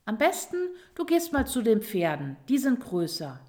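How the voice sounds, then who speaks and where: A woman's voice: fairly high pitch, big pitch swings, moderate pace, darkish tone. A woman voicing a boastful, fibbing little mouse who talks glibly and evasively. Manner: glib, evasive chatter.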